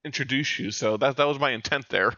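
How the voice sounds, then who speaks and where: A man's voice: medium pitch, quick pace, pushed and bright, no room sound, dull audio. A man chatting casually at a tabletop game, stammering and repeating words. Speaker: player.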